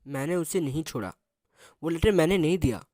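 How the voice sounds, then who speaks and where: Story reading: a man playing a soft-spoken, lovelorn young woman, subdued and dry. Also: on the high side, expressive, fairly quick, no echo, lightly acted. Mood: wistful.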